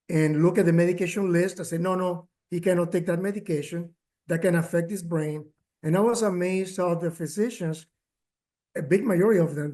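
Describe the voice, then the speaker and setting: A man speaking as a caregiver at a workshop, telling his story with many pauses, fillers and restarts, and growing emotional at times. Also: a little high, mellow. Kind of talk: personal testimony, remote talk.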